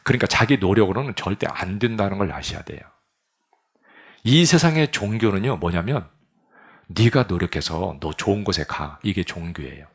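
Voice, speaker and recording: A middle-aged man preaching a sermon as a pastor, telling stories and acting out quoted voices, at times shouting lines. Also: deep voice, animated, moderate pace, slightly rough.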